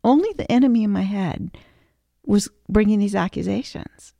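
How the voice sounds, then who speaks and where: A woman co-hosting a faith podcast, earnestly telling a personal story in relaxed conversation. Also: mid-range voice, normal speed, vocal fry, no echo. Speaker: podcast co-host.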